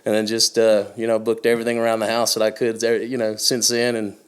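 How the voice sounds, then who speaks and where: Laid-back low-voiced man from Canada. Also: monotone, quick pace, smooth. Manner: loose storytelling with many fillers. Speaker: guest musician. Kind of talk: casual interview chat. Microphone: podcast studio mic.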